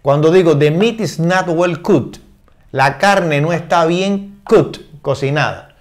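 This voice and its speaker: An older man explaining English words in Spanish, patient and repetitive, slowing down to read English examples and often checking understanding. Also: a little high. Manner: reads English examples slowly and deliberately. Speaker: English teacher.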